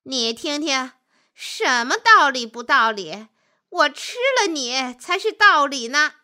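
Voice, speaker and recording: Storybook wolf, sly and pushy, high and bright, voiced by a woman. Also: sing-song, a little slow, heavily acted. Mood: gloating. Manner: mocking, pushy. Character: sly hungry male wolf, brazen.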